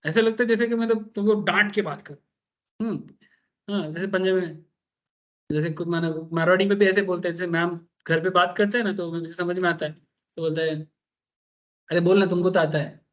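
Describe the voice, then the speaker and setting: A man's voice: high-pitched, steady tone, a little fast, a bit bright. Chatty male teacher, muffled. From Bengal, India. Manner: chatty, digressive, often checks in with students. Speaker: tax teacher. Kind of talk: casual classroom lecture.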